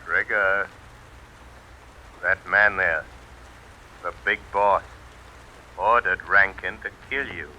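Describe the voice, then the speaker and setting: An actor playing an unseen, mocking avenger in an old-time radio drama, speaking deliberately and theatrically. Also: male voice, sits low, steady tone, sharp tone, slight background noise, exaggerated voice, low-quality recording. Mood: menacing, taunting. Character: the Shadow, unseen avenging man, commanding, mocking, menacing.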